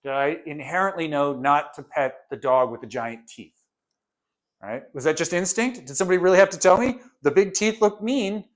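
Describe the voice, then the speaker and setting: Chatty male lecturer, slightly high voice. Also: lively intonation, a little fast. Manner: conversational, asks many rhetorical questions; briefly acts out imagined students and parents. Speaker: course instructor. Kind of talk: casual lecture.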